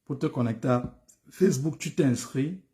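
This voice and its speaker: A man's voice: medium pitch, moderate pace, warm tone. A tired man, advising viewers on studying abroad in a live stream. He speaks familiarly, calls viewers by name and repeats himself.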